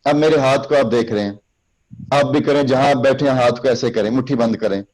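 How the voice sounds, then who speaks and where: A man's voice: mid-range voice, darkish tone, rough recording. A man lecturing a class on public speaking, explaining step by step how to use hand gestures and speaking straight to his students. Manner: recites sample lines in a raised, slow, emphatic voice.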